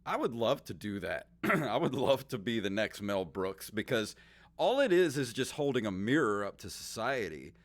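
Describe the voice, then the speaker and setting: A man's voice: lowish voice, very animated, moderate pace. A man hosting a casual podcast chat, laid-back and enthusiastic with his guest. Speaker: podcast host.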